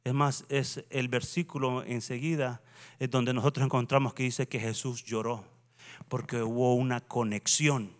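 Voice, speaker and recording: A male pastor preaching a sermon in a church, swinging from hushed reading to fervent, raised exhortation. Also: medium pitch, fairly even intonation, moderate pace.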